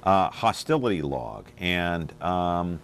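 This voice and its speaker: A man hosting a local talk show, speaking in a low voice whose pitch rises and falls a lot. He talks casually and hesitantly, with fillers, and keeps asking his guest questions. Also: very animated, slow, gravelly, fairly bright tone, clean tone. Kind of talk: casual studio chat.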